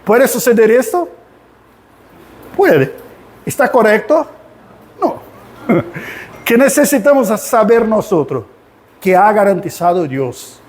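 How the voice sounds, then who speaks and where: A man teaching a Sunday school Bible class in an animated way, often asking the class rhetorical questions. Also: high voice, slow, pauses often. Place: church classroom.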